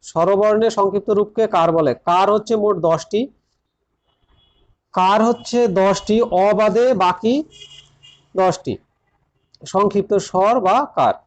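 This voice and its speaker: A man with a notably high voice works through an exam-prep grammar lesson one step at a time. He repeats the key points and keeps turning to his students as he explains. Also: a little slow, long pauses. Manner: addresses students directly. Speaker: teacher.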